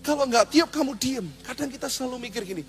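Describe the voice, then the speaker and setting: A man pastor, preaching a lively, humorous sermon and asking the congregation questions. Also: very high-pitched, fast.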